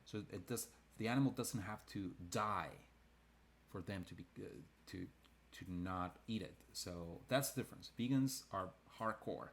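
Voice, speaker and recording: A man's voice: fairly low pitch, moderate pace. A man who hosts design videos, chatting casually and rambling a little while he draws a comic on a live stream. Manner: chatty and rambling, with frequent restarts. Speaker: illustrator and design video host.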